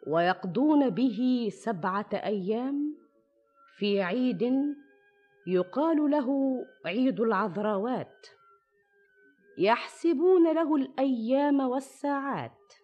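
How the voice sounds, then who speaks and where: A poised young storyteller queen speaks in a slightly high voice and recites her tale in measured, rhymed classical lines. She stays modest before the king. The sound is a slightly dull old radio recording with faint music beneath. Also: animated. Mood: storytelling.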